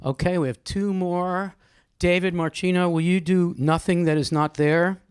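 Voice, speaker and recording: Clear and resonant, the voice sits in the mid-range with a steady tone and normal speed, and there's no room sound. The host guides a group talk at a live indoor event, joking with people by name and mixing in poetry readings.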